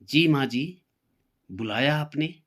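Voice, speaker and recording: Polite earnest young wife, as a man reads her in a slow spoken story. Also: on the high side, fairly bright tone, voice pushed up. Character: gentle dutiful elder daughter-in-law, young mother.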